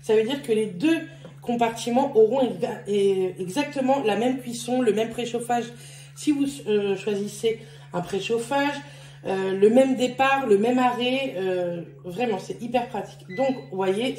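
A woman's voice: medium pitch, a little mellow. A woman vlogger casually demonstrating a kitchen appliance, chatty, with frequent fillers and self-corrections. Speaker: beauty and lifestyle vlogger. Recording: echoey room with faint ambience.

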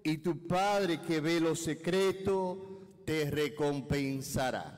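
An older man solemnly reading scripture at Mass in measured, deliberate phrases, in a church with cathedral-like echo. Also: fairly high pitch. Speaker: clergyman proclaiming the Gospel at Mass. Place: church, at the lectern. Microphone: gooseneck lectern microphone. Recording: echoey church, long cathedral-like reverb.

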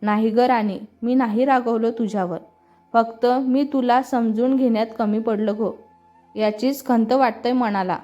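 Woman reading as a gentle teasing elder brother. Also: a little high, steady tone, a little slow, natural voice. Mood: tender. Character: young man, protective teasing elder brother. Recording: slightly muffled with soft music.

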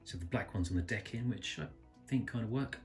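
A man calmly reviewing a small pocket knife, thinking aloud and correcting himself as he goes. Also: lowish voice, fairly quick, faint music behind. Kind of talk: casual product review narration. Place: indoors at a table, filming hands close up.

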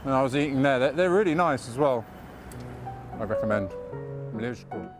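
A man's voice: medium pitch, animated, moderate pace, over music. A man with a London accent guiding a walking tour through city streets, chatting casually and wandering into self-mocking asides. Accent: London English. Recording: faint street noise outdoors.

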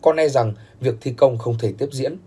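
Male narrator doing a tearful, pleading young grandson with a dark voice. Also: medium pitch, moderate pace, husky, close to an everyday voice. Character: remorseful young man, the grandson.

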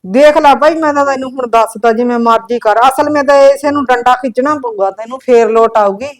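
A woman's voice: on the high side, a little fast, lightly acted. A woman playing a scheming, complaining older mother-in-law in a family drama. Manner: grumbling, stirring up trouble.

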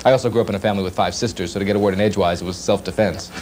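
A middle-aged man from Long Island, New York, answering interview questions with extremely fast, animated storytelling. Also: on the low side, slight background noise. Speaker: guest, fast talker.

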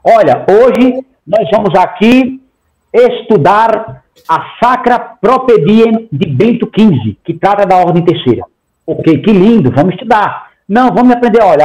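A forty-something man joins an interview by video call from home on a headset, and the recording is low quality. His voice sits high and sounds a little mellow. He delivers emphatic long runs, gestures a lot, and keeps saying "tá?".

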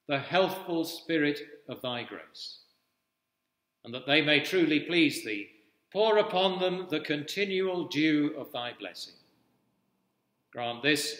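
Reading traditional liturgical prayers at evening service, this older Anglican priest keeps a solemn, measured, formal pace. His voice is male, fairly bright and pitched on the high side. He stands indoors at a wooden-panelled cathedral altar, and the recording carries the long reverb of a resonant church.

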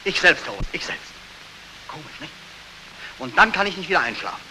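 An actor playing a haunted, sleepless young soldier with an intense, feverish, deferential military manner in a 1940s film. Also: male voice, a little high, very animated, brisk, sharp tone, full character voice, low-quality recording. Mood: haunted, strained. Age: young adult. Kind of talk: 1940s German film acting. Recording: hissy 1940s film soundtrack.

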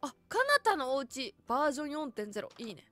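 A woman's voice: high-pitched, sing-song, brisk, fairly bright tone, dry recording, soft background music. A voice actress giving chatty, casual commentary as she tours a game world and keeps exclaiming in delight.

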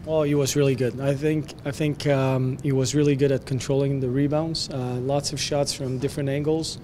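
A man in his forties with a French Canadian accent, a hockey head coach answering post-game press questions in a measured way, with frequent fillers and restarts. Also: medium pitch, level tone, warm tone, slight background noise. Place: arena media backdrop, indoors. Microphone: handheld press mics close.

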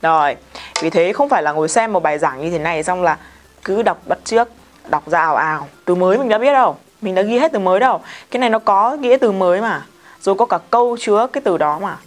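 Vietnamese-accented female English teacher, careful slow drills, brisk asides, faint music bed. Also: medium pitch, expressive. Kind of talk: vocabulary pronunciation lesson.

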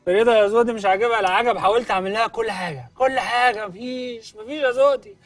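A man's voice: sits high, very fast, fairly bright tone, no room sound, recorded from a distance, faint music behind. An actor playing a lovesick, melodramatic young man in an Egyptian sitcom, with an Egyptian Arabic accent, theatrical laments and whiny protests. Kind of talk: TV sitcom acting.

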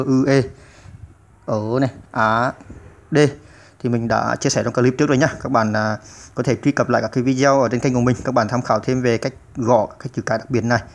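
A man hosting a computer typing tutorial, explaining step by step with many "à" fillers. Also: medium pitch. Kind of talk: step-by-step screen-recorded tutorial.

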